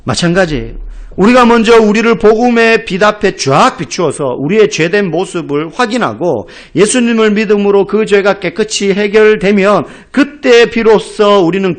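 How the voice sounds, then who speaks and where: A middle-aged man from South Korea preaching a sermon as pastor, telling stories with acted-out quotes and emphatic exclamations. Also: high-pitched. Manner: animated storytelling, acting out quoted voices; emphatic, rising to loud exclamations.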